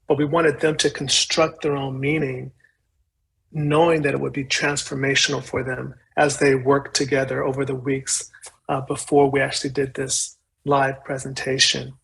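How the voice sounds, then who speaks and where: A man giving an earnest, measured talk as a conference presenter, pausing as he speaks. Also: mid-range voice, monotone, gravelly, fairly bright tone, poor audio. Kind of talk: reflective presentation.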